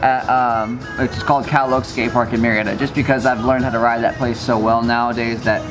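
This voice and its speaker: A man's voice: medium pitch, flat delivery, fairly quick, over music, poor audio. A man talking casually as a guest on a vlog, often repeating and rephrasing himself. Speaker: vlog guest, action sports rider. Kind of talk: casual chat.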